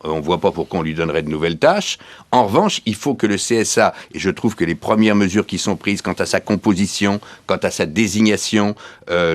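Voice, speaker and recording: A man's voice: lowish voice, no echo. A man from France, a studio guest, giving long, explanatory answers in a radio interview and building his points with everyday comparisons.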